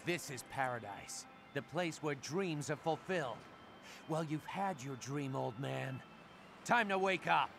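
An actor playing a brash, sardonic younger assassin hero in a video game, taunting and crude. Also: male voice, fairly high pitch, lively intonation, measured pace, gravelly, noisy background. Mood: cocky taunting. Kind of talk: video game character acting.

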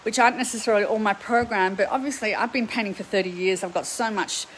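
A woman's voice: mid-range voice, fast talker, a little hiss or hum, poor audio. Upbeat Australian woman art teacher. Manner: upbeat, chatty, greets viewers by name. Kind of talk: live stream chat to viewers. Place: home painting studio.

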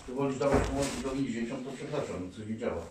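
A man caught in a domestic quarrel, answering back defensively and repeating himself in a mumble. He sounds distant from the mic, in an echoey apartment, with loud noise behind him. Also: mid-range voice, fast. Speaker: estranged husband. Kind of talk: heated domestic argument.

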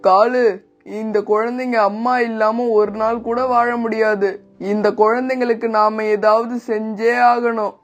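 A man voicing a kind, grieving pigeon uncle in a cartoon, gentle and sorrowful. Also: high voice, level tone, a little slow. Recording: dull lo-fi with faint music.

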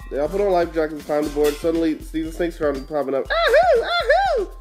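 A man's voice: on the high side, steady tone, fast talker, over music. A father reading a children's storybook aloud, coaxing his kids to repeat words in a sing-song way.

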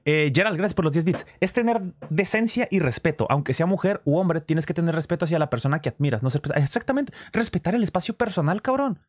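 A man's voice: fairly high pitch, fast, hardly any pauses, no room sound, clean studio sound. A man with a Mexican accent, reacting to a clip on stream in casual, slangy talk full of swearing. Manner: crude slang, swearing, animated demonstrations.

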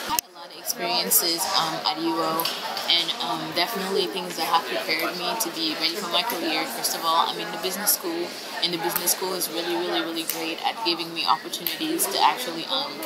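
A woman's voice: fairly low pitch, rough recording. A young woman in her twenties from Senegal, a university student, talking casually to the camera with many fillers in a large campus atrium. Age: 20s. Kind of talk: casual vlog talk to camera. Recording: loud background noise.

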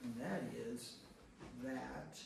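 Extremely slow and darkish in tone, the man's mid-range voice carries vocal fry as he teaches a church Bible study group informally, acting as priest and posing rhetorical questions along the way. A distant mic in the reverberant church room picks up heavy echo and a little noise.

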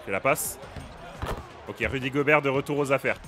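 A young man playing a basketball video game, giving excitable, casual commentary, often shouting at the action and laughing. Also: mid-range voice, moderate pace, soft background music. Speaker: gaming streamer.

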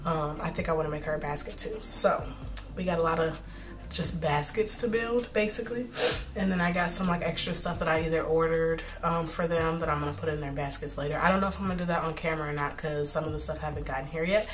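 Young woman vlogging, slightly hoarse. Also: deep voice, fast talker, faint music behind. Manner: chatty and relaxed with slang. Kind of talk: casual chat to camera.

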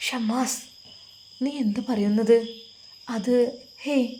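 A timid young woman speaks softly and haltingly, as if close to tears, voiced by a woman telling the story. Her tone is warm and mellow, with a lilt. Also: a little high, steady tone, a little hiss or hum. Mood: hesitant. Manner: quiet, hesitant, close to tears. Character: worried young woman, soft and pleading.

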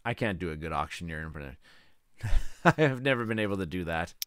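A man's voice: low voice, animated, quick pace, a bit bright, no room sound, clean studio sound. A man playing as a guest on a live game stream, chatting easily and musing over his choices. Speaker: guest player. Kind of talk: casual live game chat.

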